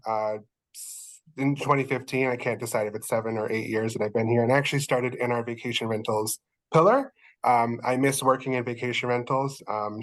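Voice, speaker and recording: A man's voice: mid-range voice, rough recording. A man from the Boston area with a congested, nasal voice from allergies, casually introducing himself as a guest on a business webinar. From Boston area, United States. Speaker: partner company representative.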